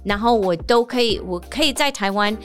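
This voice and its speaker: A woman from the United States, a native English speaker, hosting a casual podcast monologue, telling stories in an animated way and laughing often. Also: fairly high pitch, a little fast, soft background music. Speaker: podcast host; teacher and performer.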